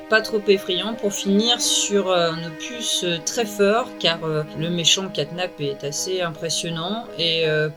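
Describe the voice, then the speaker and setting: A middle-aged woman hosting and narrating a video game review. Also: on the low side. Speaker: video host. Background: music.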